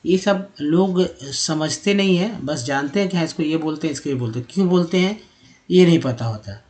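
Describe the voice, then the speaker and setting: A man's voice: on the high side, darkish tone. Patient man teaching English over slides. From India. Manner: patient, repeats words slowly, many fillers. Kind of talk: explaining lesson over slides.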